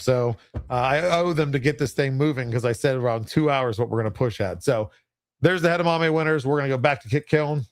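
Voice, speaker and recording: A man's voice: medium pitch, no echo, clean studio sound. A man hosting a livestream giveaway, announcing in a casual, chatty, unpolished and self-deprecating way.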